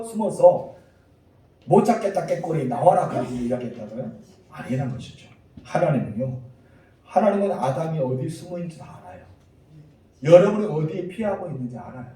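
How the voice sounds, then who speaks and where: A man's voice: a little high, slight background noise. Man preaching in an echoey church. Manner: preaching with acted calls and sudden shouts. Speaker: pastor. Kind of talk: sermon. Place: church sanctuary. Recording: echoey church hall, mic at a distance.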